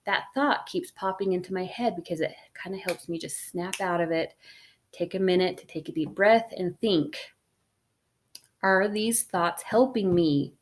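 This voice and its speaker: A woman's voice: fairly low pitch, moderate pace. A woman in her forties telling a story in a casual, rambling way, often voicing her own thoughts aloud and adding "right?" to her points. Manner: rambling with fillers and tag questions. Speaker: fitness vlogger. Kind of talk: casual reflective monologue.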